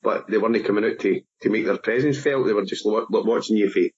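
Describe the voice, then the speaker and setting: Hesitant Scottish man, husky and muffled. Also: lowish voice, quick pace, a little mellow. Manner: hesitant, unsure, trailing off. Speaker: podcast guest, researcher. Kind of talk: casual call-in chat. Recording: muffled lo-fi remote audio.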